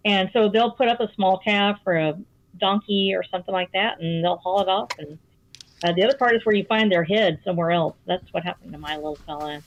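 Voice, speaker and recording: A woman's voice: mid-range voice, fairly quick. A woman chatting casually as a guest, laughing often and stumbling over her words. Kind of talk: casual chat. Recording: dull lo-fi sound.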